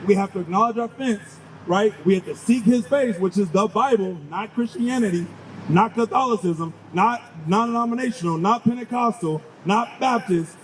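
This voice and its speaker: A man's voice: high voice, a little hiss or hum, rough recording. A man preaching on a city street, firing questions at his listeners and urging them on with 'come on'.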